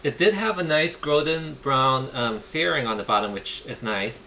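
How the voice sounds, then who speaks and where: A man's voice: on the high side, normal speed. Chatty man filming his own cooking. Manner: chatty and relaxed, narrating each step as he goes. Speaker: home cook vlogger. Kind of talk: casual cooking demonstration. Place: home kitchen. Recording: dull lo-fi home video with faint noise.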